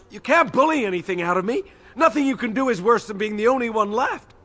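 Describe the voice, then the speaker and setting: A woman's voice: a little high, animated, moderate pace, fairly bright tone. A woman voicing a frightened elf woman in a video game, nervous and pleading. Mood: fearful.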